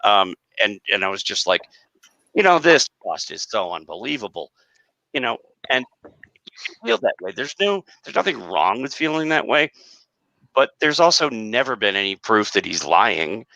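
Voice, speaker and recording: A man talking on a casual live-stream panel in an animated, emphatic way, with some self-deprecating humour. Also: lowish voice, normal speed, vocal fry, no echo, rough recording. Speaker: panel guest.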